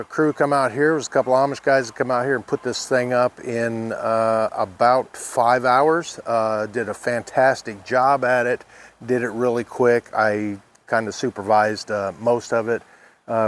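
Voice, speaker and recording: Low-voiced man vlogging in an echoey space. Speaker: vlog host, small farm winemaker. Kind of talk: casual unscripted walk-through vlog. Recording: echoey bare room or open space.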